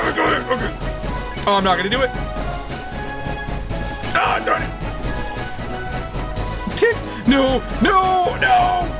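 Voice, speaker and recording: A woman commentating her game playthrough, jokey and excitable, yelping and laughing. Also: medium pitch. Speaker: let's play gamer. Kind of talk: gaming commentary.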